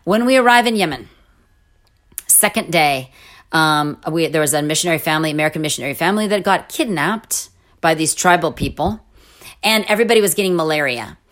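A middle-aged woman telling a personal story in a casual interview, animated, with restarts and laughing asides. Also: deep voice, brisk. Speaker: interview guest.

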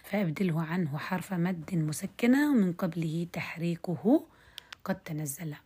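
Recitation teacher, woman, husky, lowish voice, explains patiently and recites examples. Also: animated, warm tone. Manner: explains step by step, checks understanding with quick questions; recites example words drawn out for demonstration. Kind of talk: recorded online lesson.

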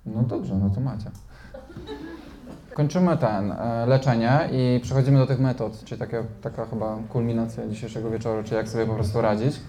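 Deep-voiced man lecturing in a roomy hall. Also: fairly even intonation, brisk, mellow, a little hiss or hum. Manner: explanatory, many hesitation fillers and "nie?" tag questions. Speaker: psychotherapist giving a lecture. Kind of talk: live lecture to an audience. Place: room with a live audience.

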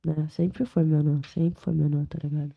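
A woman's voice: sits low, little pitch movement, normal speed, gravelly, muffled recording. A woman, a rapper guest talking in a casual podcast interview, full of street slang and emphatic, heartfelt points. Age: 20s.

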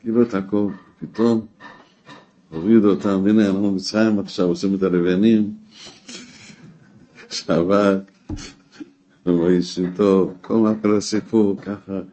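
A man teaching a weekly Torah class, emphatic, rising to exclamations and dropping low again. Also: steady tone, long pauses, warm tone. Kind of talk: spoken Torah lesson.

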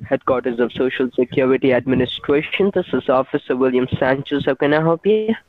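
A man's voice: medium pitch, a little fast, no room sound. A man making a scam phone call, answering insistently with short replies. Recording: tinny phone line.

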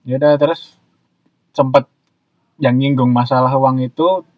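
A man's voice: mid-range voice, steady tone, unhurried, a little mellow, dry recording, low-quality recording. A man casually recounting a personal story in a rambling way, full of fillers. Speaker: storyteller guest. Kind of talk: casual chat.

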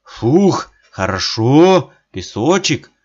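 A man voicing a stout, merry workman who puffs, rasps and stutters in the cold, in a dull lo-fi recording. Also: a little high, very animated, slow pace, a little mellow, pitched above the performer's own voice, heavily acted. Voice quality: hoarse, puffing, stuttering from cold.

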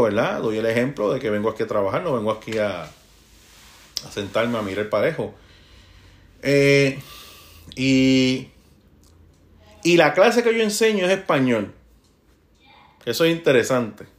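A Puerto Rican man who teaches Spanish, talking casually and often checking in with tag questions between halting restarts. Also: mid-range voice. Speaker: high school Spanish teacher. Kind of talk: casual conversational monologue.

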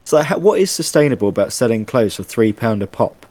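A man in casual chat, talking in an animated, exasperated rant with plenty of asides. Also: medium pitch, fast, dry recording.

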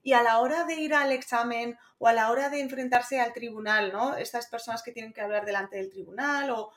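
A woman hosting a casual interview, relaxed and conversational, often tagging questions. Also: a little high, a little fast. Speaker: podcast host.

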